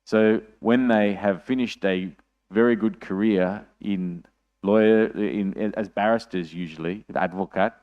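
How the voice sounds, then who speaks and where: A man's voice: on the low side, fairly even intonation, measured pace, muffled recording. An Australian man speaking at an academic conference, thoughtful and hedging, often restarting and repeating words.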